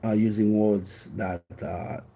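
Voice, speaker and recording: Slow and steady in tone, a man with a lowish, mellow voice tells a personal story. He is a Haitian life coach in his fifties with a Haitian accent and Haitian Creole as his first language, and he rambles earnestly, often restarting.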